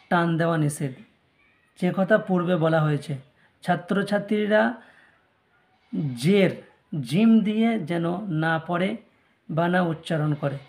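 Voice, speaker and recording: A man with a Bangladeshi Bengali accent, teaching a Quran reading lesson, patiently repeating each syllable and slowing down to drill letters. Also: sits high. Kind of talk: step-by-step recitation lesson.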